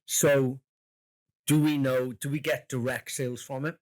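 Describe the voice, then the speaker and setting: A man's voice: mid-range voice, flat delivery, measured pace, a little mellow. Man, podcast co-host, rambling, jokey, laughs a lot, casual swearing. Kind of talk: casual chat.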